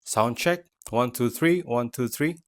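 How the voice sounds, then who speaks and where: A man's voice: medium pitch, unhurried, no room sound, clean studio sound. A man casually testing a small wireless clip-on mic in a conference room and a park, his voice processed by noise cancellation with audible noise reduction artifacts, chatting and asking viewers what they think. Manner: chatty, asks viewers for their opinion. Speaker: product reviewer testing microphones. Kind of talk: casual mic test talk. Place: indoor conference room, then outdoors in a park by traffic.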